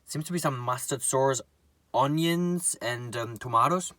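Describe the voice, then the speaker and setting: A man chatting casually to viewers while he eats, pausing and murmuring between remarks. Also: medium pitch, pushed and bright, dry recording. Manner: talks while eating, with murmured mms and pauses. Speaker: mukbang vlogger. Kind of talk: casual eating chat to viewers.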